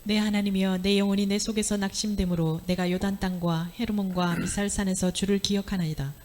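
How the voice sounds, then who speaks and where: Female scripture reader, mid pitch, brisk even recitation. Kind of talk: reading scripture aloud.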